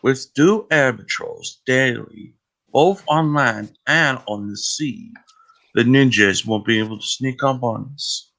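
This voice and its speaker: Slow-reading man stumbling through a text. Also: mid-range voice, gravelly, a bit bright, low-quality recording. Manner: plodding read-aloud with stumbles. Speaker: podcast co-host. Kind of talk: reading fan fiction aloud.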